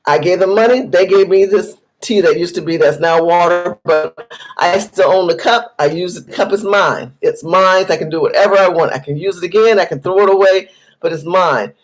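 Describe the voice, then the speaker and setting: A woman's voice: lowish voice, normal speed, low-quality recording. An American woman giving impassioned commentary straight to her viewers, emphatic and repetitive, driving each point home as if lecturing. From United States. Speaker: political commentator vlogger. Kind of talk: impassioned direct-to-camera commentary.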